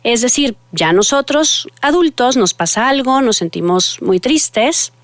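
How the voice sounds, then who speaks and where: A woman's voice: fairly high pitch, expressive, measured pace, no echo. A woman psychologist, giving earnest advice to parents and speaking directly to her listeners.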